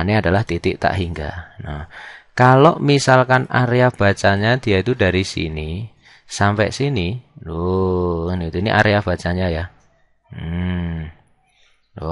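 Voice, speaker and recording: Young male tutor, low voice, dry recording, chatty self-questioning delivery. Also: a little slow, no room sound. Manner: chatty, asks and answers his own questions, lots of "nah" and "kan gitu". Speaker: physics tutor. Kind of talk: casual whiteboard lesson.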